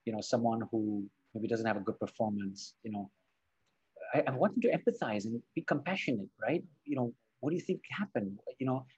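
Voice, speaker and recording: A man's voice: medium pitch, a little mellow, breathy edge, lo-fi sound. A man from Spain, a coach and podcast guest, talking earnestly and reflectively, often repeating words and adding "right?" and "you know".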